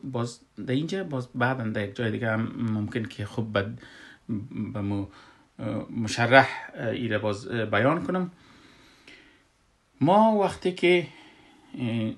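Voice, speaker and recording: A man with an Afghan Dari accent teaching Quran recitation rules in a patient, step-by-step classroom explanation, often pausing to search for words. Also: medium pitch.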